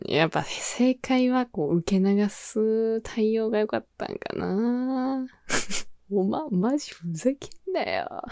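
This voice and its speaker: A young woman in her twenties speaks with a Kansai accent in an animated, bouncy voice that swings high and low. She hosts a relaxed solo radio chat, often laughing and playing out little scenes of her own. The sound is dry and close, with no room around it. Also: no echo. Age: 20s. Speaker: radio show host. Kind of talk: casual solo talk.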